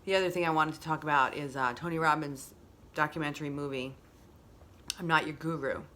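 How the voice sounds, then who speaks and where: A woman's voice: low-pitched, steady tone, fairly quick, fairly bright tone, a little hiss or hum. A woman hosting a casual motivational monologue, reflective and repeating phrases for emphasis. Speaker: host.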